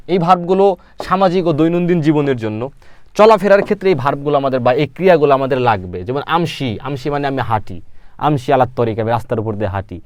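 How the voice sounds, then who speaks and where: A man's voice: mid-range voice, no room sound. Male Arabic teacher drilling vocabulary. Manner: repeats words and asks then answers his own questions. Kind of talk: spoken language lesson.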